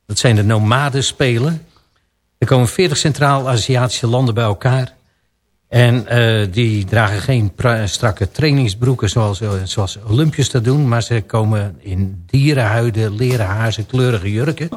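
A man's voice: mid-range voice, normal speed. Chatty male radio presenter. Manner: chatty, laughs while telling odd facts. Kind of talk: casual radio chat. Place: local radio studio.

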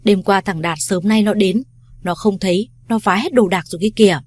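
A woman's voice: mid-range voice, fairly quick, darkish tone, no room sound, close to an everyday voice. Woman doing a gossipy nosy neighbor woman. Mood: alarmed.

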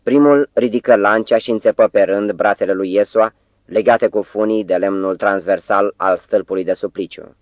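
A man reading a novel aloud as an audiobook narrator, in a measured, even-paced way. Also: on the low side, dry recording. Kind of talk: scripted literary narration.

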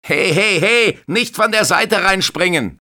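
A man voicing a cocky young male lifeguard who loudly mocks and shouts. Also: on the high side, big pitch swings, moderate pace, voice pushed up, exaggerated voice. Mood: shouting. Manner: loud, mocking, shouting over noise.

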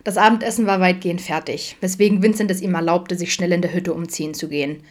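Woman calmly narrating an audiobook. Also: on the low side, fast. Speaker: audiobook reader. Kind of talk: fan fiction audiobook narration.

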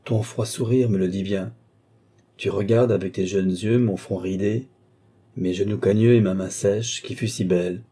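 A man reading an audiobook, voicing a scheming old male marshal who wheedles and then scolds in sudden high bursts. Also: fairly even intonation, normal speed, mellow, slightly rough.

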